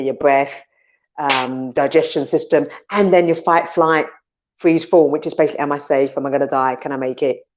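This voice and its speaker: Animated chatty woman, lo-fi sound. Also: deep voice. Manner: animated, acts out inner voices with swearing. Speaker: podcast co-host. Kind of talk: casual conversational chat.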